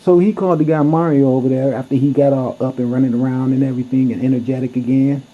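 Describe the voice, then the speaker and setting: A man's voice: medium pitch, steady tone, fast. A man telling a story to camera in a blunt, heated way, cursing freely as he goes. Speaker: vlogger. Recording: dull lo-fi recording.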